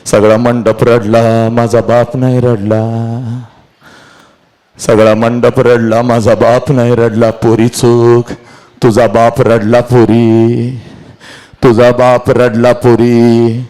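A man's voice: mid-range voice, completely flat delivery, slow pace, warm tone. A middle-aged man giving an emotional motivational lecture to a large audience, dramatic and repeating his phrases as he speaks straight to his listeners.

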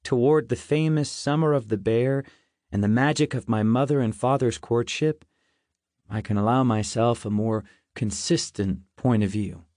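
A man reading a novel aloud in first person, in a measured and reflective way. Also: mid-range voice, darkish tone, no room sound, studio quality. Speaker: audiobook narrator. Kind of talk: scripted first-person narration.

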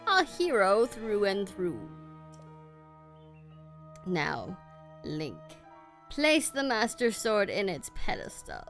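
Ancient wise tree spirit, solemn and unhurried, read by a woman, lively pitch. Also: soft background music, heavily acted. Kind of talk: reading game dialogue aloud.

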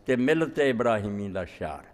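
A man's voice: fairly low pitch, expressive, moderate pace. A man giving a religious lecture as a cleric, answering questions with emphatic, scolding rhetorical questions. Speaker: Islamic cleric. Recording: long hall reverb.

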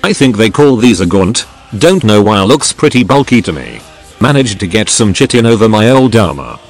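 A man's voice: fairly low pitch, very animated, moderate pace. A man reading informal first-person stories aloud as a scripted dramatic narration. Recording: music behind the voice. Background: music.

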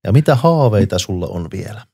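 A man hosts a casual podcast interview and asks brief, easygoing questions. His pitch moves around a lot, and the sound is dry and close. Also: husky, no room sound. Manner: short relaxed questions.

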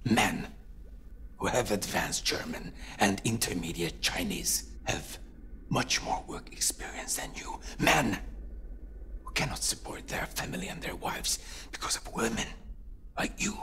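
An actor playing a contemptuous male boss who berates a job applicant, hissing some lines in a whisper and shouting others. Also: on the low side, animated, measured pace, full character voice. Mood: ranting. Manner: sneering, berating, swings from hissed whispers to shouts. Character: contemptuous misogynist male boss, middle-aged. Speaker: boss interviewing a secretary.

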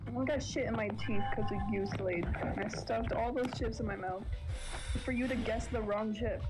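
Bright-pitched teasing woman gamer. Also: normal speed, low-quality recording. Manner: teasing, laughs easily, swears. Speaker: co-player on a gaming stream. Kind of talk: casual gaming chat. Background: game music.

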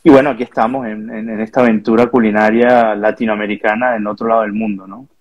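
Over earbuds on a video call, this chef and restaurant owner from Venezuela talks quickly in a low-ish, level voice with lo-fi sound quality. He is in his thirties, speaks Venezuelan Spanish, and comes across as earnest and thoughtful, frequently restarting and tagging his sentences with "¿no?". Behind him is an indoor home or office room with pictures on the wall.

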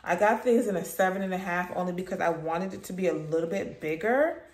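Indoors at home, a woman vlogs casually about her life, talking to viewers a little fast and frequently repeating herself. Her voice is fairly low and darkish, with echo and background noise in the audio.

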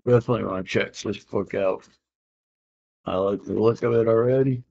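On the low side and gravelly, a man in his fifties speaks at normal speed while showing off comics from an auction. The unboxing chat is relaxed and meandering, with lots of "uh" and slang like "man" and "I can dig it." Dull lo-fi home camera audio captures a room whose walls display comic art.

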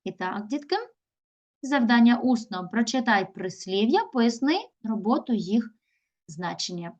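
A woman teacher giving a recorded lesson to young children. She reads words aloud and stretches out their syllables slowly. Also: a little high, expressive, a little mellow. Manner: slow, drawn-out syllables when sounding out words. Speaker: primary school teacher.

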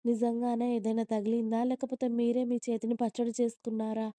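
A woman voicing a sleepy, playful and sulky young wife, speaking in a soft pleading way. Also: fairly high pitch, level tone, fairly quick, no echo, lightly acted.

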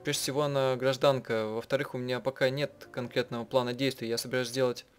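A man with a medium-pitched voice and little pitch movement translates a visual novel aloud, voicing it and commenting casually. His speech is halting, with frequent mid-sentence rephrasing, and the game's soundtrack plays in the background.

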